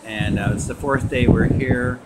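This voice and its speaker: A man showing off his coin purchases in a casual vlog, relaxed and rambling, with lots of filler sounds. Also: mid-range voice, unhurried. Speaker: coin collecting vlogger. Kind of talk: casual show-and-tell vlog. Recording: noisy home video recording.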